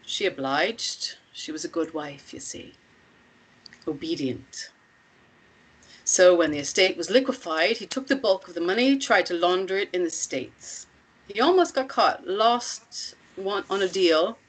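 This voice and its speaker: In a script table read, a woman plays an older, confident commune matriarch, speaking with measured deliberation and firing off pointed rhetorical questions. Her voice is fairly low and the mood is grave and reflective, though the recording is rough.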